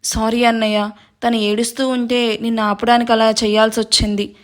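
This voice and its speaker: Brief: woman voicing an anxious younger brother in an audio story, urgent and pleading, high voice. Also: flat delivery, normal speed, fairly bright tone.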